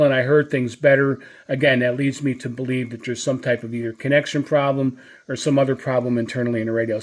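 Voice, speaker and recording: A medium-pitched man hosts a channel and gives a casual, unscripted product review. He speaks hesitantly and keeps circling back over his points.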